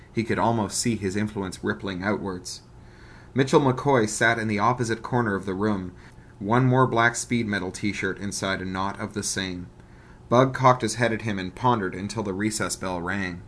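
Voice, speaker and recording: A man narrating an audiobook in a measured, wry tone. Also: on the low side, fairly bright tone, a little hiss or hum.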